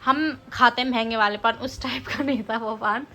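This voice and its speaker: A woman chats casually for her vlog from home at night, talking straight to her viewers. Her voice sits high and sounds bright and forceful. A faint noise runs under her talk. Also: moderate pace. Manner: chatty, speaks straight to viewers. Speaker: vlogger.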